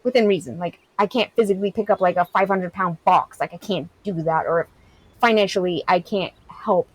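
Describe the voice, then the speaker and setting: A woman's voice: lowish voice, fairly quick, breathy edge, low-quality recording. A woman in her thirties, a game streamer, chatting casually and answering her live chat in a candid, rambling way full of "like". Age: 30s. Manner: candid, rambling, heavy use of "like".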